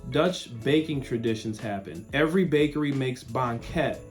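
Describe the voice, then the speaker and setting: A man's voice: medium pitch, moderate pace, faint music behind. Chatty man hosting a local vlog. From West Michigan. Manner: chatty, upbeat, informal. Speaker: local host of a relocation channel. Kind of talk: casual vlog talk to camera.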